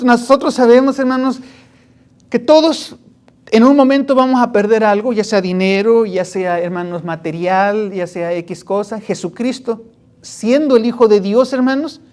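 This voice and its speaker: A woman's voice: a little high, normal speed, a little mellow. A woman preaching a sermon in a conversational way, retelling stories and scripture and constantly addressing her listeners as brothers. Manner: retells anecdotes and scripture with frequent restarts.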